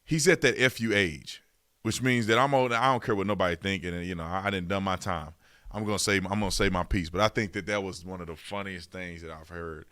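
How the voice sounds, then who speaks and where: Low-voiced man hosting casual talk radio. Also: brisk, a bit bright, no room sound, studio quality. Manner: informal, folksy phrasing with emphatic repetition. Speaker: radio talk show host. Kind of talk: casual conversational political commentary.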